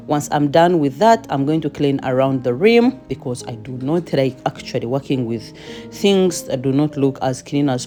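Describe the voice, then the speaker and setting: Woman talking thru her recipe, kinda low voice, chatty and playful, soft music behind. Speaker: home cook. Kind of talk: casual cooking voice-over.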